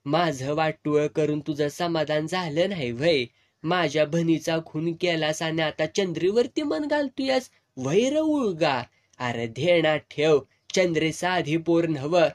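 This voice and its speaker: A fierce, defiant village woman, put on by a male storyteller, hurling curses in earthy rural speech. The voice sits fairly high and pushes hard in a storybook reading. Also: a little slow, natural voice. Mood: defiant, cursing. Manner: curses and threatens in rustic speech.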